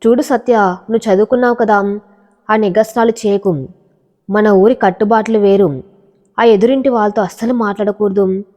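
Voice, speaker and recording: A woman's voice: mid-range voice, fairly even intonation, moderate pace, dark tone, in a large hall, lightly acted. A woman voicing a stern, commanding older village landlord who scolds his daughter in a storybook narration.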